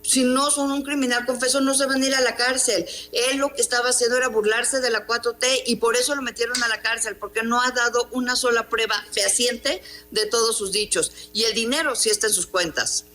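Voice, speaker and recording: A woman's voice: a little high, fairly even intonation, brisk, few pauses, bright, forceful tone, faint music behind. A middle-aged woman journalist with a Mexican accent, giving an emphatic, indignant interview and asking rhetorical questions. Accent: Mexican Spanish. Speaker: journalist and columnist. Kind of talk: interview on news program.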